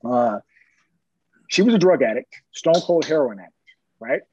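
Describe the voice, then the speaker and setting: A middle-aged police officer telling personal stories in an interview, earnest and plain-spoken, often chuckling. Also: male voice, medium pitch, animated, normal speed, darkish tone, husky, no room sound, lo-fi sound.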